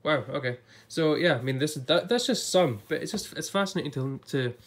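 Brisk and expressive, a man with a slightly high voice reviews an illustrated book on YouTube, turning its pages in a relaxed vlog and thinking aloud as he chats. His voice is a bit off because he's recovering from illness. He's indoors, seated at a table before a blue backdrop.

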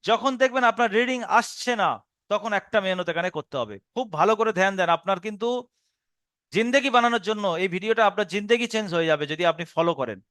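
Bengali-accented guy teaching quran reading, high smooth voice, super dry close mic, goes slow n patient. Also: a bit bright, no room sound. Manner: patient step-by-step explanation, spelling out syllables slowly. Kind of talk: recorded online lesson.

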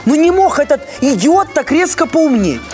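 A man's voice: very high-pitched, very animated, normal speed, over music. An actor playing an exasperated young landlord in a comedy sketch, a man pleading and sarcastic as he haggles. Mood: frustrated. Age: young adult. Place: outdoor courtyard.

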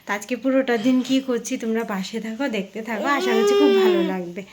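A woman's voice: a little high, big pitch swings, quick pace, heavy background noise. A young mother from West Bengal, narrating her day at home in a casual, homely vlog voice-over. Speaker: vlogger, mother.

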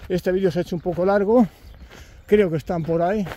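A man's voice: high voice, steady tone, fairly quick, dark tone, a little hiss or hum. A man, telling chatty anecdotes on camera while walking a rural trail, chuckling and acting out his companions' lines. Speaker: pilgrim vlogger.

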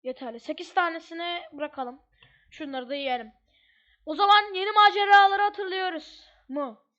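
A woman's voice: extremely high pitch, moderate pace, pushed and bright. A woman giving casual, chatty gameplay commentary as she plays, thinking aloud with slangy asides. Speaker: gamer. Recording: dull lo-fi mic.

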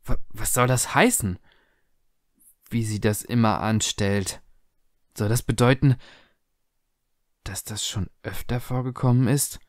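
A man voicing a frightened teenage daughter who talks high, excited and breathless, in a spoken storybook reading. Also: a little slow, dry recording, clean studio sound, natural voice. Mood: upset.

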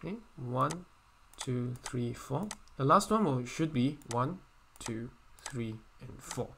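A man teaching an engineering software lesson while hiccuping and coughing, often correcting himself and counting points aloud. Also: medium pitch, lively intonation, slow pace, creaky, slight background noise. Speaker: engineering tutor. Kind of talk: screen-recorded software tutorial.

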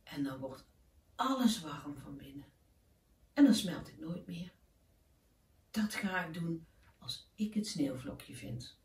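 A woman's voice: a little high, expressive, takes it slowly, pitched above the performer's own voice. A woman voicing a sweet, hopeful little snowman boy in a storybook tale, in an eager, childlike way. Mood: dreamy. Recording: roomy, distant from the mic.

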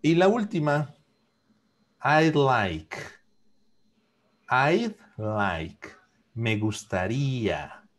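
A man teaching English to children in an online class over a video call, speaking slowly and patiently, repeating and spelling out phrases. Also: mid-range voice, big pitch swings.

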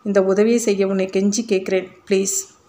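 Earnest troubled father as a woman reads him, pleading, quick long runs, flat pitch, audiobook. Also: lightly acted.

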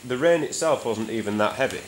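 A man in a stone bothy talking in a relaxed, rambling way with fillers. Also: medium pitch, a little fast, slight background noise. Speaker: hiker. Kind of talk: casual chat. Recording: echoey stone room.

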